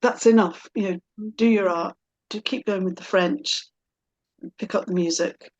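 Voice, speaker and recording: A middle-aged woman chats casually and personally, her medium-pitched voice unhurried on a muffled recording. She thinks aloud, feeling her way through sentences with some hesitation, in a thoughtful, self-reflective way.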